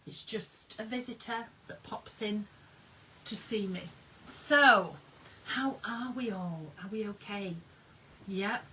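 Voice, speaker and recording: In her workroom, a woman hosts a casual craft live stream, greeting viewers and going through their comments in an excitable, bubbly manner. Her pitch is medium and she speaks slowly.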